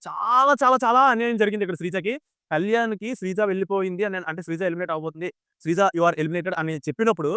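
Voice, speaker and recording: Rapid-fire man ranting. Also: high voice, no echo, clean studio sound. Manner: rapid, animated, rhetorical questions to viewers. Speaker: YouTube commentator. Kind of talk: casual commentary on a reality show.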